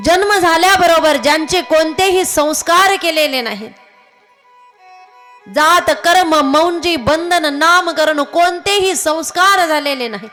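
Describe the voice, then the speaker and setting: A woman giving a devotional discourse, telling a sacred story in measured tones and chanting verses. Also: high voice, a bit bright. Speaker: kirtan speaker. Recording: faint music behind.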